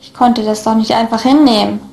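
A woman narrating a first-person story in a steady, even reading voice. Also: fairly high pitch, a little fast, creaky. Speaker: audiobook reader. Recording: echoey room.

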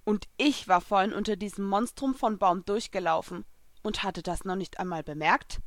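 A woman reads a first-person story aloud with expressive storytelling. Her medium-pitched voice is recorded close and dry. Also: moderate pace, no room sound. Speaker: narrator. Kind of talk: first-person audiobook narration.

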